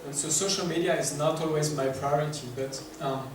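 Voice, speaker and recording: Against a crowd in the background, a man with a fairly high voice and fairly even intonation speaks briskly, giving a workshop presentation in English with a French accent. He's hesitant and full of fillers, asking the audience questions, and the recording is distant, echoey and noisy in a large conference room.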